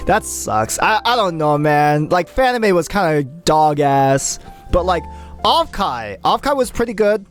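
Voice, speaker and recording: A streamer chatting casually with viewers, rambling and excitable, full of fillers and swearing. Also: medium pitch, measured pace, soft background music. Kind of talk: casual live-stream chat.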